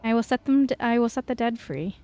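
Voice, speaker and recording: A soft-spoken woman doing casual game commentary and reading quest text aloud. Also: on the high side, animated, a little fast, clear, resonant tone. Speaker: gamer, host of a play-through.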